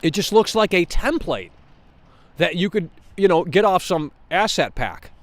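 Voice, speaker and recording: A man's voice: high-pitched, very animated, a little slow. A man hosting a livestream, giving casual, opinionated game commentary in an exasperated, blunt and sweary way. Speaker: livestream host.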